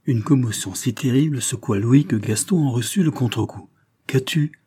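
A man narrating a classic novel as an audiobook in a steady, measured way. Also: medium pitch, breathy edge.

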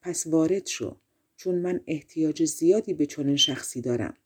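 A woman's voice: low-pitched, breathy edge. A woman voicing a five-headed giant. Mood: commanding. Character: five-headed male giant, gruff master.

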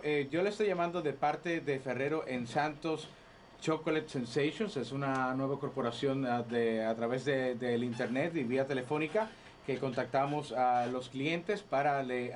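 A man playing an over-polite, hesitant chocolate salesman on a phone sales pitch, repeating himself. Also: close to an everyday voice. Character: polite male chocolate salesman claiming to be French. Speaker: prank caller. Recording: noisy radio phone call.

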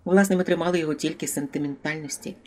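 An audiobook reader voicing a timid, slow-witted elderly male priest who hesitates and stumbles over his words. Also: medium pitch, fairly even intonation, natural voice. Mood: hopeful. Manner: hesitant, stumbling, drops to a hushed whisper. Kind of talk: audiobook character voice.

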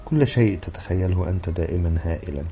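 A man's voice: deep voice, quick pace, mellow, slight background noise. A man reading the part of a fussy, exasperated husband who scolds and brushes things off. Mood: scolding. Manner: scolding, dismissive.

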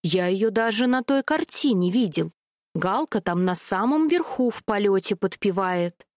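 A woman's voice: mid-range voice, measured pace, dry recording. Woman narrating a storybook, close and dry. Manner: gentle, expressive reading.

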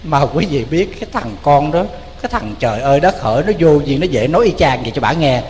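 A man with a Southern Vietnamese accent, a Buddhist monk preaching a storytelling sermon in a somewhat high voice. He is animated and colloquial and speaks straight to his listeners. His voice carries a long hall reverb over a faint background hiss. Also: fairly quick. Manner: animated, addresses the audience directly, colloquial.

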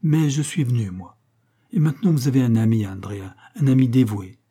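A man's voice: mid-range voice, normal speed, warm tone, breathy edge, lightly acted. Man voicing grave noble protector. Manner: firm, grave.

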